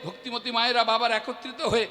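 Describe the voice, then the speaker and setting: A man's voice: very high-pitched, flat delivery, fast, bright, forceful tone. A man preaching a devotional sermon, emphatic and impassioned, breaking into chanted refrains. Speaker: kirtan singer and preacher. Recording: echoey hall with faint music.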